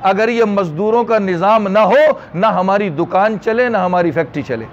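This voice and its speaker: A man's voice: high voice, moderate pace, slight background noise. A man with a Pakistani Urdu accent preaching a religious sermon, emphatic, repeating phrases and asking rhetorical questions. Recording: dull lo-fi recording.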